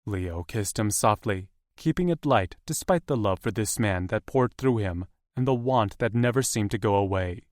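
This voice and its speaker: A man reading a romance novel aloud in calm, even storytelling narration. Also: on the low side, moderate pace, few pauses, no echo, clean studio sound. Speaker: audiobook narrator.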